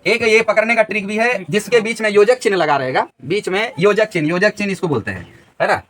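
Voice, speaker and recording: A man's voice: sits high, quick pace, fairly bright tone. A man teaching a grammar lesson in a classroom, repeating each question so the students answer together.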